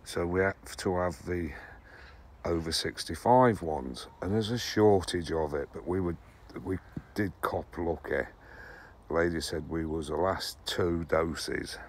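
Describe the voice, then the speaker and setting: An English man in his sixties vlogs from his allotment greenhouses and plots, partly outdoors, chatting casually to camera. His deep, husky voice moves at a measured pace as he rambles about the harvest, often correcting himself.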